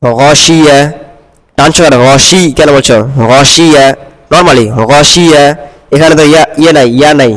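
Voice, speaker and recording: Male reading tutor, fairly high voice, flat delivery, patient and corrective, long reverb. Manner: patient, corrective, repeats syllables slowly. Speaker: Quran recitation teacher. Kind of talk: one-on-one reading lesson.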